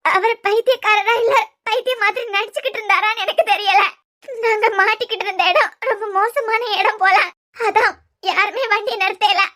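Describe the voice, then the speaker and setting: Lady voicing a scared young cartoon wife, super high and bright, kanyakumari accent. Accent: Kanyakumari Tamil. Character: grieving young wife, frightened and guilt-ridden. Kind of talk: cartoon serial voice acting.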